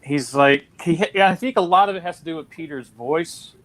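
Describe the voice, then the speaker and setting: A man's voice: on the high side, moderate pace, fairly bright tone. A man hosting a casual film discussion, chatty with lots of fillers and restarts. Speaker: podcast host.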